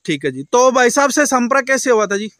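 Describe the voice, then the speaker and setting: A man's voice: very high-pitched, very animated, brisk, a bit bright, no room sound. A middle-aged man hosting a promotional interview outdoors at a buffalo farm, holding a small handheld mic and asking repetitive, leading questions with polite address. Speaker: dairy channel host interviewing a buyer.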